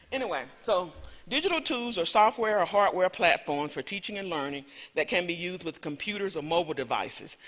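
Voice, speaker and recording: A woman from Alabama with a Southern US accent speaks in a rather low, sharp voice. She's a visiting lecturer giving a chatty, rambling conference talk peppered with self-deprecating asides. The recording carries the reverb of the large lecture hall she's in.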